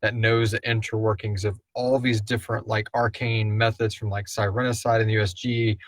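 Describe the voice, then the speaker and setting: A Houston-area man co-hosting a casual live Q&A talks loosely through listener questions about his audio drama work, often searching for words. His pitch is fairly low, his delivery flat and a little fast, and the recording is dry.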